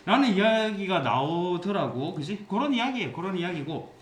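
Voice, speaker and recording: A man teaching an English class with a Gyeongsang accent, explaining passages and telling jokey anecdotes in a lively way. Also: high-pitched, normal speed. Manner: lively, jokey storytelling, mixes English phrases into Korean. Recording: echoey classroom with faint hiss.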